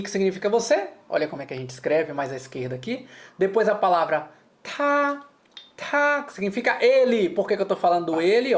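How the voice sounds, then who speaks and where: In a co-taught language lesson, a woman with a Brazilian Portuguese accent teaches Mandarin. Her voice is lowish, and she explains things chattily while checking in with her students often.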